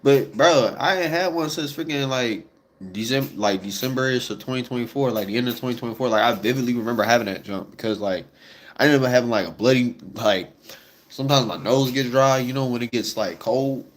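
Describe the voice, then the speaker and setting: A young male vlogger chats casually with his viewers, rambling loosely and piling on fillers and slang. His middle-pitched voice sounds stuffed up and congested, and he talks fairly quickly.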